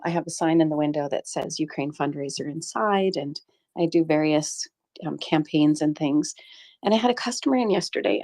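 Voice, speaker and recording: On a live audio space, a middle-aged Canadian woman with a small shop chats casually about something personal, earnest and reflective and quick to laugh. Her voice sits on the low side and sounds a little mellow.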